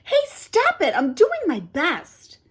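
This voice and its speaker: A woman voicing an excitable young boy talking urgently and with exasperation in a read-aloud story. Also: on the high side, unhurried. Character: excitable young boy, bossy big brother.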